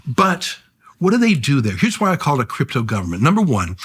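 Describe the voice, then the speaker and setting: A man's voice: medium pitch, wildly swooping pitch, brisk, a bit bright, husky. A middle-aged man, a journalist and podcast guest, arguing his points punchily and counting them off one by one. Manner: punchy, argumentative, enumerates points. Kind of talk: podcast conversation.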